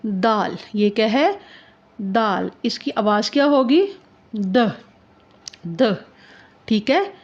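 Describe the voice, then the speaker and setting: A woman's voice: mid-range voice, expressive, very slow, pauses often. A woman with a sore throat, patiently teaching handwriting, asking questions and answering them herself. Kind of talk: handwriting lesson. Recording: dull lo-fi sound.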